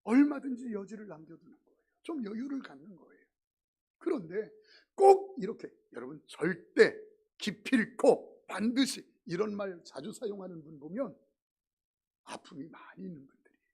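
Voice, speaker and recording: Middle-aged guy preaching in church, gravelly husky voice, jokey stories then punchy emphasis. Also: high-pitched, big pitch swings, moderate pace, a little mellow. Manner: humorous storytelling, emphatic preaching. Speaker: pastor. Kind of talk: sermon. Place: church sanctuary.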